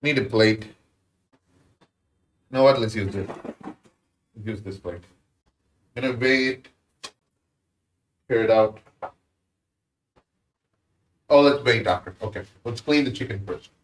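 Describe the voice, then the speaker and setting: A man with an Indian accent chats easily with viewers while cooking on a live stream. His voice is fairly low and unhurried, broken by long pauses, and the mic sits at a distance, giving a roomy sound.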